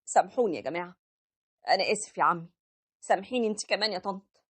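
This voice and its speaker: A woman's voice: mid-range voice, very fast, husky, close to an everyday voice. A woman voicing a tender, apologetic young husband who narrates his own story, with an Egyptian accent. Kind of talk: animated story voice acting.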